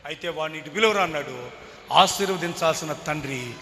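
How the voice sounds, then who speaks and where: A man preaching a sermon and telling a family story, animated, dropping to quiet asides and rising to shouts. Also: on the high side, a little fast, crowd noise. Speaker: pastor. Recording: echoey hall with faint background noise.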